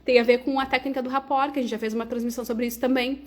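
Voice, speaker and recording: A woman teaches public speaking in a lively, conversational livestream, tagging her sentences with "né" and "tá". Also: fairly high pitch, rapid-fire.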